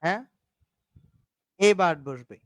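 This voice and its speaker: A high-voiced man with a Bangladeshi Bengali accent lectures on English grammar in an online class. He explains slowly, sprinkles English terms through his talk and keeps asking if the students understand. The sound is dry and close, with no room echo. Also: lively intonation. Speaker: English teacher.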